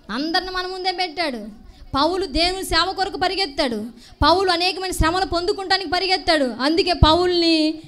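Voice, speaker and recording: A woman preaching a sermon, asking the congregation questions and repeating key phrases. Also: fairly bright tone. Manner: acts out quoted speech in a lower voice.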